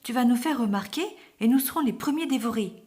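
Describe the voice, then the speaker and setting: A woman's voice: a little high, animated, brisk, mellow, voice pushed up, lightly acted. A woman voicing a frightened little boy wolf cub who whimpers and pleads.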